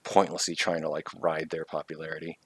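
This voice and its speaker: Deep-voiced sarcastic man reviewing games. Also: flat delivery, a little fast, a bit bright, breathy edge, dry recording. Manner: sarcastic, fills with "like". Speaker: game reviewer, co-host. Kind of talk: casual review chat.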